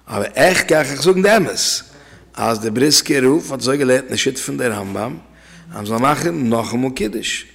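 A man's voice: mid-range voice, lively intonation, moderate pace, gravelly, a bit bright, breathy edge. A man teaching an informal religious law lesson as a rabbi, talking conversationally and telling anecdotes to his listeners. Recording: reverberant hall.

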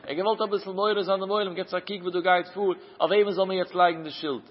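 A man's voice: high voice, steady tone, quick pace. A man teaching a traditional Talmud lecture, chanting the source text and explaining it through questions. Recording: dull lo-fi recording with long hall reverb.

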